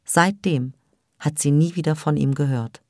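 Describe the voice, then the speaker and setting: Eine Frau liest ruhig und gemessen ein Hörbuch. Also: female voice, deep voice, normal speed, warm tone, dry recording, clean studio sound. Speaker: audiobook narrator. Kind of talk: audiobook reading.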